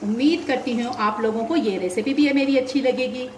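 A woman with a fairly high voice runs a home cooking lesson, patiently explaining each step and adding tips. She stands back from the mic in an echoey kitchen. Loud frying and sizzling fill the background. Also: fairly quick, recorded from a distance, a little hiss or hum. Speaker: cooking channel host.

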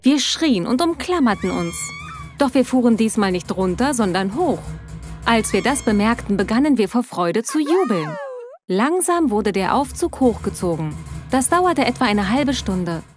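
Fairly high-voiced woman narrating a story. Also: very animated, moderate pace, soft background music. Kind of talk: scripted first-person story narration.

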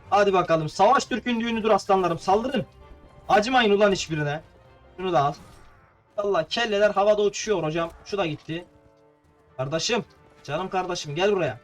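Playful young man narrating his gameplay. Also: fairly high pitch. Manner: playful, chatty, talks to viewers. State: slightly tongue-tied. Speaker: gameplay streamer. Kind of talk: casual gameplay commentary. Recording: faint game music behind.

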